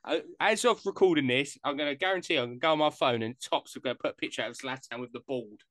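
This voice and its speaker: A man's voice: mid-range voice, quick pace, a bit bright, no echo. A man hosting a casual podcast chat, jokey and rambling. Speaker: podcast host.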